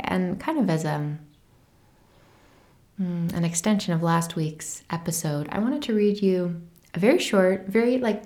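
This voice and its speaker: A woman hosting a podcast alone, speaking casually and reflectively in a tender, earnest way with thoughtful pauses. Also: fairly low pitch. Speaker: podcast host. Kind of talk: reflective casual solo talk, with a short letter read aloud. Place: small unfinished home creative studio.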